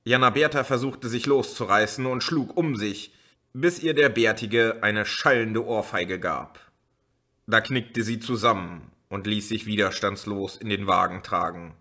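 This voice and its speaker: Guy reading an audiobook real slow, bright clear tone. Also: fairly low pitch. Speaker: audiobook reader. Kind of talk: audiobook narration.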